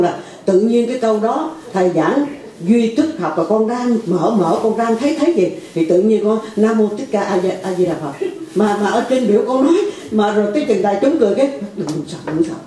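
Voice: medium pitch, lively intonation, mellow. A retreat attendee tells a long, rambling story and then asks the teacher a question. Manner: rapid, rambling account. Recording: echoey hall, from far off.

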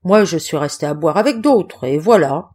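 A woman voicing a hungover, grumbling middle-aged male roadman who whines and complains loudly in an audiobook. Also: lowish voice, expressive, moderate pace. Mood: grumbling, complaining. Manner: whining, complaining, loud.

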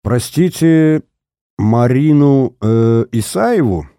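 A man's voice: mid-range voice, animated, slow, dark tone, smooth, dry recording, studio quality, voice pushed up. A man voicing a prim, flustered retired secret-service officer in his old age who ends up pleading. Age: older. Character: old retired male spy officer, prim then frightened.

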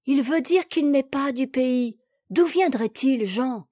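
A woman's voice: sits high, slow, mellow, no echo, clean studio sound. A woman reader voicing a kind, chattering little rich girl in a storybook. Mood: eager.

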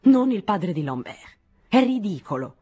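A woman reading an audiobook, voicing an angry, sharp-tongued young woman who lashes out with biting remarks. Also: big pitch swings, a little fast, breathy edge, no room sound. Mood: shouting. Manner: aggressive, shrill outbursts.

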